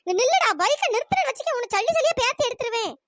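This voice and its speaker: A performer voicing a furious jealous wife in a cartoon, scolding and name-calling, with a pitch-shifted voice. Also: lively intonation, racing, a bit bright, no room sound, clean studio sound. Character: furious jealous wife chasing her cheating husband. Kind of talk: cartoon comedy voice acting.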